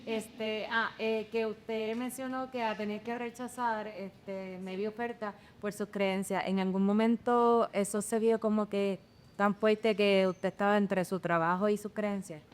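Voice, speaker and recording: A woman from the audience asks her question very slowly and hesitantly, with lots of fillers. A faint rumble sits behind her. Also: steady tone. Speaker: audience member asking a question.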